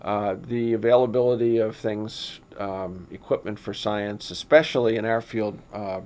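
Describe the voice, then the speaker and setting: A man's voice: on the low side, steady tone, moderate pace, darkish tone. A man explaining things casually as a guest scientist in an interview.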